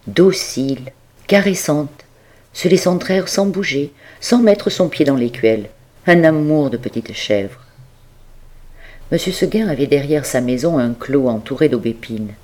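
A woman narrating a classic tale as an audiobook reader, expressive and talking straight to the listener. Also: very deep voice, unhurried. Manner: expressive, addresses the listener directly. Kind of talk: storytelling narration.

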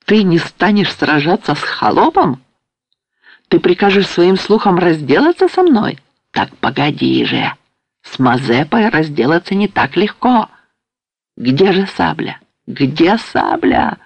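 A male reader playing a delirious young warrior who shouts in hoarse, broken outbursts. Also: on the high side, sing-song, a little slow, dry recording, pitched above the performer's own voice, heavily acted. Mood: raving, defiant. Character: delirious young man, feverish warrior raving.

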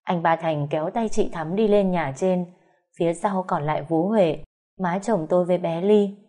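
Mellow-voiced woman narrating a story. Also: on the low side, normal speed. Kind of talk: first-person story narration.

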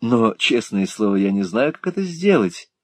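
A man's voice: lowish voice, big pitch swings, normal speed, a little mellow, no room sound. A man voicing an earnest, naive young playwright who explains things politely with a touch of irony. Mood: hesitant.

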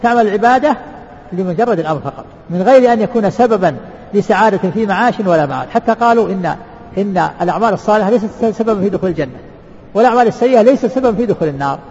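Sheikh lecturing, very fast, dull muffled recording in a mosque hall with long echo. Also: male voice, high voice, lively intonation, a little mellow. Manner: asks rhetorical questions and answers them, repeats words. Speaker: sheikh teaching a book. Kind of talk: lecture explaining a religious text. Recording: reverberant hall, dull lo-fi sound.

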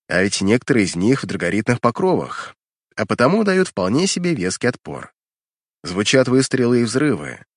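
Expressive male audiobook narrator, very dry sound. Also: mid-range voice, no room sound. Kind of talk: dramatic scripted fiction narration.

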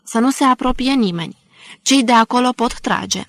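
A woman's voice: on the high side, a bit bright, no room sound, studio quality. Woman reading as a firm, commanding local man.

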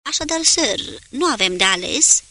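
A woman reading the lines of a calm, upbeat young male naval officer in an audiobook. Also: fairly high pitch, no echo, voice pushed up, heavily acted. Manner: calm and respectful.

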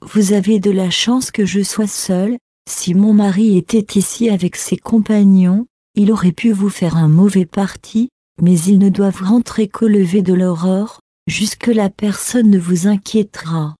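A woman's voice: medium pitch, steady tone, measured pace, few pauses, warm tone, dry recording, studio quality, lightly acted. A woman reading a grieving desert mother. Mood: earnest. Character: grieving desert mother, proud then softening.

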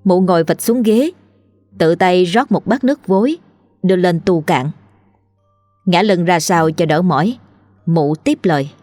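Female ghost-tale narrator, steady and lowish, soft music under her. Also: a little slow, pauses often, no echo, clean studio sound. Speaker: storyteller.

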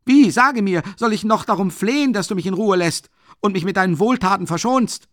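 A man's voice: high-pitched, lively intonation, a little fast, dry recording, clean studio sound, pitched above the performer's own voice. A man reading an audiobook, voicing a sick, bitter young man who pleads to be left alone. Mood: frantic pleading. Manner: quiet at first, then frantic pleading.

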